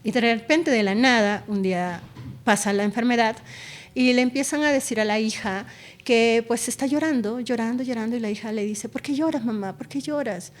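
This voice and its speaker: A woman's voice: a little high, normal speed. A woman neurologist, a guest in an interview, explains things and tells stories about her patients expressively. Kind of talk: conversational interview.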